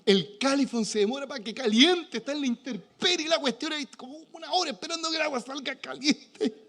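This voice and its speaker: A man with a Chilean accent preaching a charismatic sermon as pastor of a church, moving between shouted exhortation and quiet, joking asides. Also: very high-pitched, brisk. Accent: Chilean Spanish. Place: church sanctuary.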